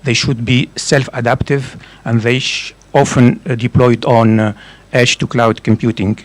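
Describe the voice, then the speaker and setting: A man's voice: medium pitch, flat delivery, unhurried. A man with a French accent, a professor giving a conference presentation, hesitant with frequent fillers and restarts. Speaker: professor and researcher.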